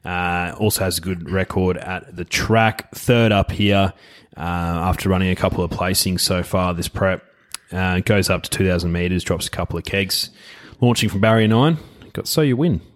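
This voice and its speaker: A man's voice: deep voice, normal speed. An Australian man giving casual horse racing tips as a co-host, chatting like a tipster.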